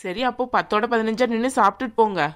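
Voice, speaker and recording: A woman doing a rude, haughty young bride in a cartoon. She rattles off sneering, bossy lines quickly in a fairly high voice. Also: lightly acted. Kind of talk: cartoon voice acting.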